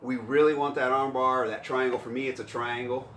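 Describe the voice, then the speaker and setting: A man talks through jiu-jitsu mistakes in an easy, animated way, his voice landing at a middle pitch. He sounds set back from the mic in a roomy gym, with a faint hum of ambience behind him. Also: brisk, distant mic. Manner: animated, acts out panicked grappler in higher voice. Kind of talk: casual instructional chat.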